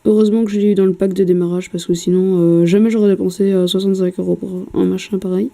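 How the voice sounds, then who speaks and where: A woman's voice: medium pitch, flat delivery, fast talker, vocal fry, dark tone. A woman chatting casually while painting a miniature at home, hesitant with many fillers and casual swearing, recorded on a camera mic.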